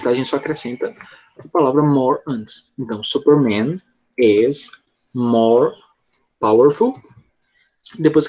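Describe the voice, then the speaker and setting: A man's voice: mid-range voice, darkish tone, husky. A man with a Brazilian Portuguese accent, an English teacher explaining grammar step by step in an online class, often checking whether his student follows.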